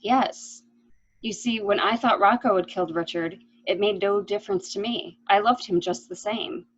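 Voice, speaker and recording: A woman acts in an amateur murder mystery radio play as a guilt-ridden yet decisive lady of the house, speaking earnestly in a regretful, troubled mood. Her mid-range, natural voice moves at a moderate pace, and the lo-fi recording carries slight background noise.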